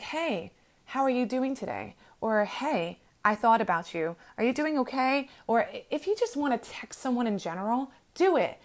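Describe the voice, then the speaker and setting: Earnest young woman, gentle motivational talk. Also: fairly high pitch. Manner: earnest, gentle, many ums and restarts. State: emotional, near tears. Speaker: host. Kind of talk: heartfelt motivational monologue.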